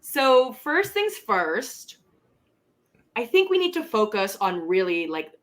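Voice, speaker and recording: A woman's voice: on the high side, big pitch swings, slow. A woman with a Filipino English accent co-hosting a casual comedy podcast, teasing and playful. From Philippines. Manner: playful, teasing, laughs often. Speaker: podcast co-host.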